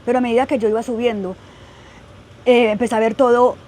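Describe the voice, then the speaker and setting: A woman's voice: on the high side, fairly even intonation, fast talker, mellow, slight background noise. A young woman telling her personal story in a podcast interview, earnest and full of "eh" and "pues" fillers. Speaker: guest sharing her testimony.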